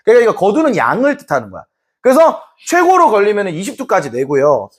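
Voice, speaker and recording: A man teaching a Korean history class in a lively way, now and then acting out short scenes in put-on voices. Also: sits high, fast. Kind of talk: classroom lecture.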